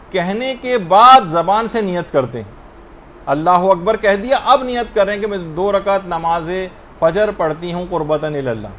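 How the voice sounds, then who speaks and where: A man with a high voice gives a religious lesson on prayer rules. He explains each ruling patiently, slowing down to demonstrate correct pronunciations. Faint noise sits under the recording. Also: fairly bright tone. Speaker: religious teacher.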